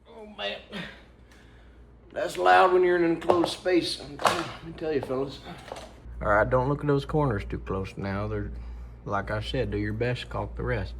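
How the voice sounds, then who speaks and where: A man's voice: on the low side, background noise, close to an everyday voice. A man putting on a folksy, slangy handyman character with a made-up drawl as a joke during a home project. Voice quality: drawling, slangy, put-on accent. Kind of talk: joking character bit in a DIY vlog.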